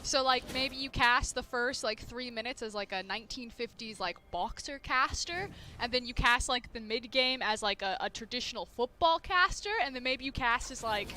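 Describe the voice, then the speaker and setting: A woman's voice: a little high, normal speed, few pauses, pushed and bright, slight background noise. A woman esports caster with a sore voice, hesitant and full of fillers when analysing. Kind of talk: live esports commentary.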